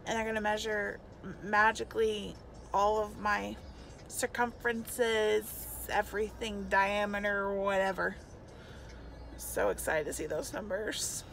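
A woman's voice: mid-range voice, fairly even intonation, measured pace, gravelly, a bit bright, slight background noise. A tired young woman chatting casually in a parked car, self-mocking and laughing, filmed on a phone held at arm's length. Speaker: vlogger. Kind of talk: casual vlog chat.

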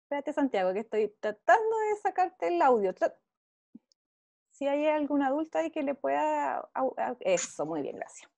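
A lively woman with a high voice and Chilean Spanish accent teaches visual arts to young pupils in an online class, calling in from home over video. She moves at a moderate pace with some vocal fry, encouraging the children and regularly asking "¿ya?". The video-call audio carries no room sound.

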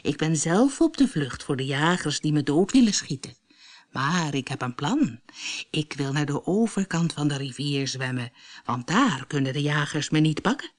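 A woman voicing a sly, smooth-talking male fox in a storybook reading, speaking low and persuasively. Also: expressive, normal speed. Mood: coaxing.

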